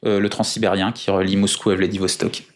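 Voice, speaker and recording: A man's voice: deep voice, flat delivery, fast. A man being interviewed in casual chat, speaking in a careful, formal way with many hesitations, precise with numbers and dates. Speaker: guest.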